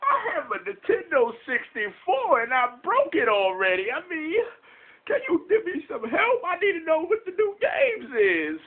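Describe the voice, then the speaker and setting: A man's voice: wildly swooping pitch, moderate pace, heavily acted. A man voicing a frail, folksy great-grandma with a wavering, crying voice on a prank call. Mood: chatty, needy. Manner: frail, folksy, calls people sugar. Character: frail, sugary old granny on a prank call. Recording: muffled low-fi webcam recording.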